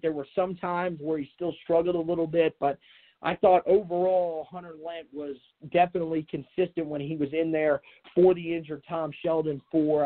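A man hosting a sports podcast solo, talking casually and off the cuff in a rambling way with many filler phrases. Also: on the high side. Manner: rambling, repeats filler phrases like "you know". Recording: tinny, narrow phone-like sound.

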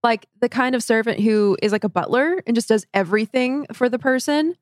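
A woman co-hosting a podcast, chatting casually with quick agreeing interjections. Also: a little high, dry recording, studio quality. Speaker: podcast co-host. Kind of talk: casual chat.

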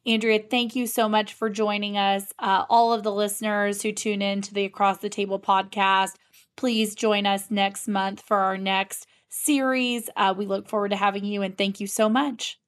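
A woman's voice: mid-range voice, little pitch movement, normal speed. A woman podcast host interviewing in a polite, professional way. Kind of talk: interview hosting.

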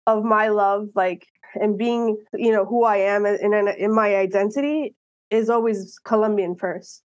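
Woman in her 30s from miami, guest in a chat interview, earnest and lively, restarts a lot, dry close sound. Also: medium pitch, a little slow, clean tone, dry recording. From Miami, United States. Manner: earnest, animated, with frequent restarts and laughs. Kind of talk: casual interview conversation.

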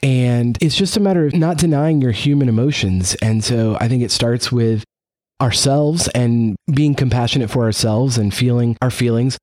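A man hosting a casual talk, speaking in a calm, reflective and gentle way. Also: medium pitch, normal speed, no room sound, clean studio sound. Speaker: podcast host. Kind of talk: casual podcast chat.

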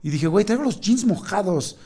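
A man's voice: sits high, a little fast, a crowd in the background. A middle-aged man with a Mexican accent, telling a story in casual chat and acting out the other people's lines. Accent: Mexican Spanish. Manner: animated storyteller acting out dialogue.

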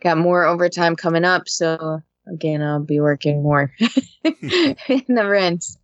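Halting low-voiced woman co-host. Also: no room sound. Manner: halting, with many fillers. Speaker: podcast co-host. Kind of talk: casual chat. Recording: dull dry lo-fi mic.

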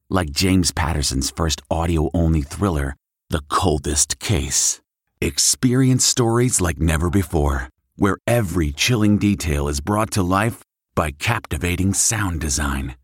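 A male announcer reads a scripted podcast ad. His voice is very low and husky, with a dry, close sound. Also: no echo.

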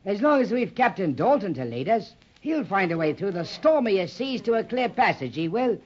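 Here is a gruff, loyal old seafarer in a radio adventure serial. His voice sits high and leaps around with salty turns of phrase. The recording is dull and lo-fi. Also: sing-song, moderate pace. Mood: loyal, reassuring.

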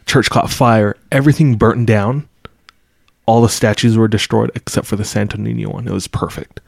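Male co-host, fairly deep, dry-sounding, casually explaining things, recorded in a wooden cabin. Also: steady tone, moderate pace, gravelly, no room sound. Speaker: podcast co-host.

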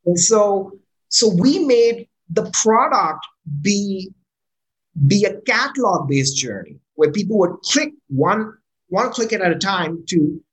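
Slow and animated, a startup founder from Pakistan gives a casual interview in an expressive voice with lots of pitch movement. Words get restarted often, "right?" keeps the listener in step, and the audio quality is poor.

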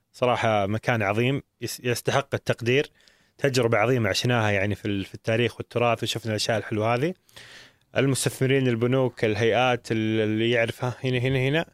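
Host, enthusiastic and very fast-talking, dry close sound. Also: male voice, medium pitch, no room sound. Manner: enthusiastic, rapid, repeats words for emphasis. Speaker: interviewer host. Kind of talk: casual interview talk.

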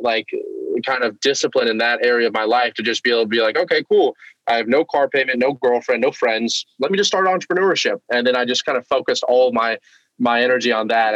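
A man's voice: medium pitch, a bit bright, no echo, muffled recording. A young man speaking as an interview guest about business, in an emphatic, driven, motivational way. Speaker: guest entrepreneur. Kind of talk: casual interview talk.

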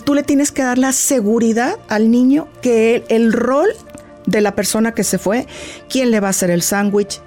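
Mellow-voiced woman explaining grief gently. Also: medium pitch. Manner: warm, didactic, acts out little dialogues with a child. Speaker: guest grief therapist. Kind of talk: explanatory interview talk.

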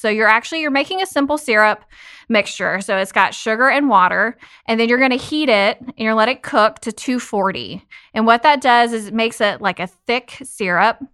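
A woman guest on a podcast, calmly explaining baking techniques as a test kitchen director. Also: fairly high pitch, smooth. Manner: calm, explanatory. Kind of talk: casual podcast chat.

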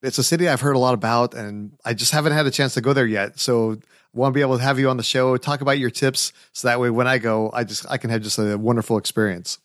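Fast-talking upbeat podcast host man. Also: mid-range voice, steady tone, no echo, studio quality. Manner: upbeat and enthusiastic. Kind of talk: podcast interview.

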